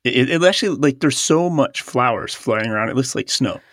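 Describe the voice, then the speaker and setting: Chatty and quick to laugh, this accounting podcast co-host speaks fairly quickly in a medium-pitched, fairly bright voice with lively intonation. Recorded in a studio, he reads ads and quotes aloud during the casual chat, a bit congested from allergies.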